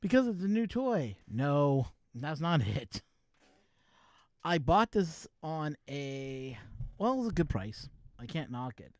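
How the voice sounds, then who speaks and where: A man with a voice on the high side hosts a relaxed live stream, rambling to viewers as he tinkers with his setup. He's expressive and unhurried, captured dry on a wireless USB microphone.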